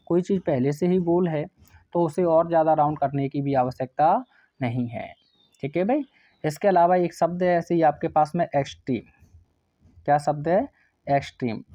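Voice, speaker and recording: A man's voice: on the high side, mellow, no echo. A man teaching English grammar for an exam, asking his students questions and then answering them himself. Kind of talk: exam-prep lesson. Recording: dry, slightly dull sound.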